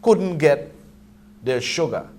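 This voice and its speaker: A man's voice: a little high, animated, slow, darkish tone. Caribbean Rasta-style man over background noise. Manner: Rastafarian way of speaking. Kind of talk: conversational reasoning with emphatic points. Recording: clearly noisy ambient background.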